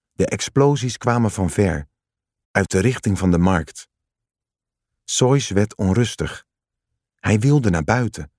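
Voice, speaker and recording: A man reading a story aloud in calm, measured scripted narration. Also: low voice, no room sound, clean studio sound.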